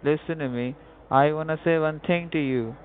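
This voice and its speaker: A young man making a prank call, speaking halting, repetitive broken English. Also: fairly high pitch, slight background noise. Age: young adult. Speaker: prank caller. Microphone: telephone. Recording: tinny phone line.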